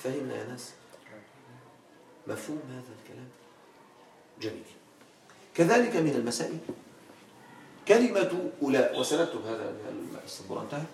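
A man teaching an Arabic grammar lesson in a classroom, quizzing his students with questions and stretching out words slowly for emphasis. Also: mid-range voice, very animated, creaky, a little mellow, slight background noise. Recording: echoey room, from far off.

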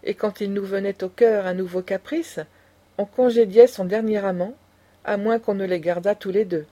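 A proud, scornful old grandmother of noble taste, lecturing with passion, as a woman reads her. The voice is mellow and dark in tone, with a middle pitch. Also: fairly even intonation, normal speed, natural voice. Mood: indignant. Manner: impassioned, lecturing.

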